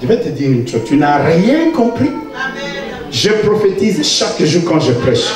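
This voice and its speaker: A high-pitched man in his fifties preaching with force, teasing his flock and breaking into shouts. He stands well away from the mic, and his voice rings through a large, echoing church hall. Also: very animated, a little slow, far from the mic, music in the background. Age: 50s. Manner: emphatic, bursts into shouting, teasing. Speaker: pastor. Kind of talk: sermon.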